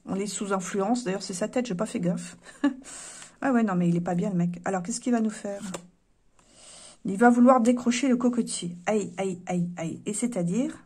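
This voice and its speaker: A woman's voice: medium pitch, normal speed, mellow, husky. A woman giving a chatty, opinionated tarot reading to her viewers, thinking aloud as she goes. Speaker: tarot reader.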